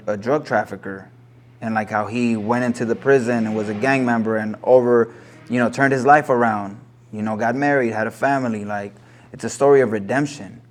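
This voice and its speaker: A man in his thirties from Los Angeles, a corrido singer talking earnestly and reflectively as a guest in a casual interview, now and then slipping into Spanish. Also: medium pitch. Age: 30s.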